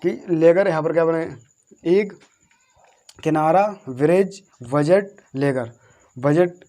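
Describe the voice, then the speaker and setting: A male teacher with a somewhat high voice leads a patient spelling lesson. He repeats each word several times and spells it out one letter at a time. He keeps asking his pupils questions and answering them himself. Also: warm tone. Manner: repetitive, drills words slowly letter by letter. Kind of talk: classroom-style lesson on English spelling.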